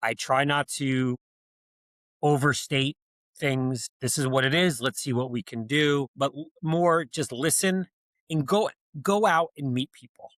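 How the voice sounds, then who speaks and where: A man's voice: medium pitch, measured pace, fairly bright tone, no room sound, low-quality recording. Plainspoken New Jersey man. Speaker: guest, accounting firm founder. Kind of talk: casual interview chat.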